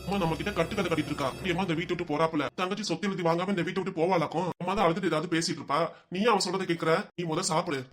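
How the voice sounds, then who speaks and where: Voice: mid-range voice, steady tone, rapid-fire, soft background music, natural voice. A performer voicing a dismissive elderly father in a cartoon who scolds his wife at dinner. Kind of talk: cartoon voice acting.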